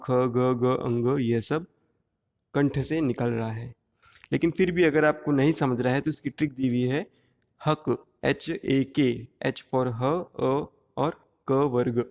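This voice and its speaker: A male teacher giving an exam-prep grammar lesson, explaining slowly and drawing out each sound one at a time. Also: mid-range voice, a little mellow, big-room sound.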